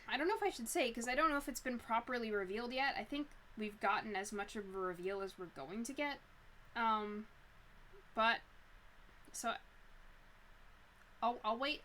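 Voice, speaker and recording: A woman's voice: a little high, bright, forceful tone, a little hiss or hum, poor audio. A woman chatting casually as she plays a visual novel and rambles through her thoughts. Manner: chatty, rambling, laughs a lot. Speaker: let's player and streamer. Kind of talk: casual gameplay commentary.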